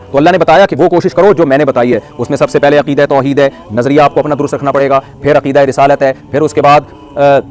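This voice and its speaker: Preacher guy, middle-aged, quick talker, cracks jokes n quizzes the crowd. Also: on the high side. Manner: animated, joking, asks the audience questions. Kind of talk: sermon.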